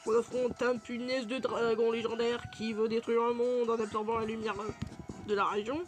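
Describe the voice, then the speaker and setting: High-voiced, swearing French-speaking gamer woman. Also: normal speed, faint music behind. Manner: chatty, swears freely, excitable reactions. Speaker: gaming video creator. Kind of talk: let's play commentary.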